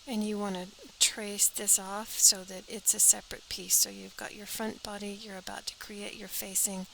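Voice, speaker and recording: A woman's voice: mid-range voice, flat delivery, moderate pace, gravelly, bright, forceful tone, slight background noise, poor audio. A woman teaching a step-by-step sewing pattern drafting tutorial, practical and talking as she works, often dropping to an airy half-whisper.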